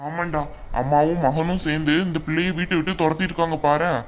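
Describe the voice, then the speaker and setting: Cartoon role: bossy, caring elderly father-in-law, deep-voiced, voiced by a woman. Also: fairly even intonation, fairly quick, slight background noise, lightly acted. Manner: scolding, protective. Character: older father-in-law, stern but caring. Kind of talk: cartoon voice acting.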